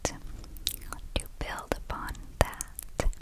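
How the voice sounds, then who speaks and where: A woman gives a whispered ASMR pep talk of positive affirmations in a clicky, breathy whisper, repeating soothing, encouraging phrases. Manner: slow, repetitive, soothing encouragement. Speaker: ASMR host.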